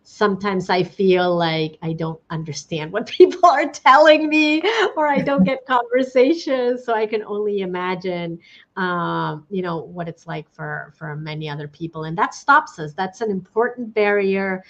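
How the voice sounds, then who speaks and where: A woman's voice: mid-range voice, normal speed. A woman hosting an interview, introducing the topic in a hesitant way with frequent restarts. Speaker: host. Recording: dull lo-fi audio.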